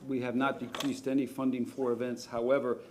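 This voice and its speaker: A man who is a city budget official, giving careful, measured answers about event funding to council. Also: medium pitch, flat delivery, background noise.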